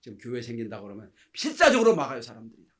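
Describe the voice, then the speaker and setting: A middle-aged male pastor preaching a sermon with passion, acting out quoted speech and swinging between loud exclamations and near-whispers. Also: mid-range voice, huge pitch swings, rapid-fire.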